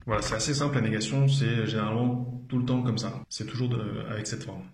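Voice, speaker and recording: A man's voice: on the low side, steady tone, fast talker, darkish tone, echoey room. A man giving an explanatory video lesson as a language teacher, patiently repeating each phrase with frequent hesitations.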